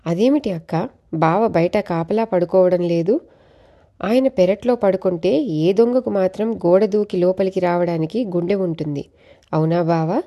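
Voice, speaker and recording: A woman's voice: fairly low pitch, moderate pace, dark tone, lo-fi sound. A woman voicing a bold, clever young woman in a storybook tale, who teases and scolds with confidence. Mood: teasing. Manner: teasing, scolding.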